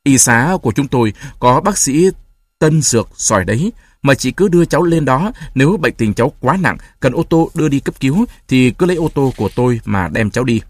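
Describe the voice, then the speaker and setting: A man's voice: mid-range voice, lively intonation, brisk, dry recording, lightly acted. A man as a mild two-faced official. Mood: smooth. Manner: mild, smooth.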